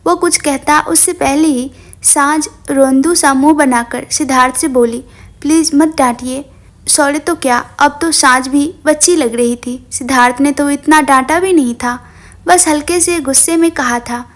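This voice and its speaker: A woman storyteller reading a tender drama with an expressive, emotional delivery. Her voice sits high and keeps a steady storytelling flow. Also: moderate pace. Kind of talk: scripted story narration.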